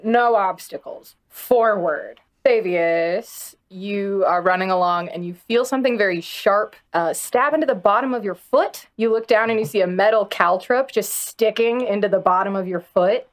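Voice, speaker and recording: A woman's voice: mid-range voice, moderate pace, few pauses. A woman running a tabletop game as game master, playful and teasing, laughing often.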